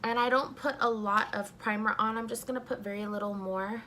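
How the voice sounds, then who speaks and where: A young woman doing a casual makeup review at home, talking softly and a little sleepily as she applies primer. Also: on the high side, fairly even intonation, a little fast, slight background noise. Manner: soft-spoken, just woken up. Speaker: beauty vlogger.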